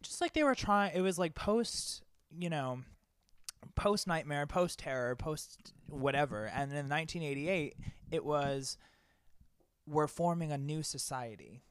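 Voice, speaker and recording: A playful, theatrical man co-hosting a casual podcast, his voice sitting a touch high. He talks into a close mic in a dry, deadened space. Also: lively intonation, unhurried, clear, resonant tone, no room sound. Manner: playful, theatrical, bursts of laughter. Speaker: podcast co-host. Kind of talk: casual chat.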